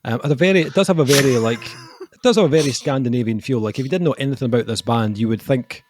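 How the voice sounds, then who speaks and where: There's background noise as a young man of medium pitch chats casually about an album on a podcast. His speech stumbles along with lots of ums, and he pokes fun at himself.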